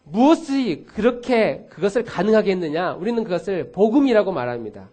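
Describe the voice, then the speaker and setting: A man's voice: sits high, fairly quick. A middle-aged male pastor preaching a sermon in a church, telling stories with acted-out quotes and speaking straight to his congregation. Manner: animated storytelling with acted quotes; addresses congregation directly. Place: church sanctuary.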